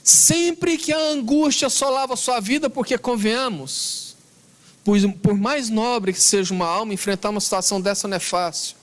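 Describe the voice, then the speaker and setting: During a spiritist lecture, a man with a high-pitched voice and Brazilian Portuguese accent recounts a story. He is earnest and emphatic and lingers on key words.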